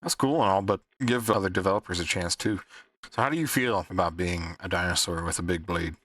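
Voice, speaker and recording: A man hosting a livestream with casual, rambling chat, often pausing as he thinks. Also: low-pitched, a bit bright, no echo, far from the mic. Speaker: livestream host.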